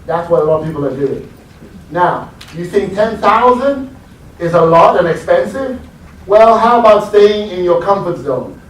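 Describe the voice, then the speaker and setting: Speaking at normal speed with a high, animated voice, a motivational speaker from the United Kingdom tells stories and prompts his audience with questions. The live recording picks him up from a distance in an echoey hall.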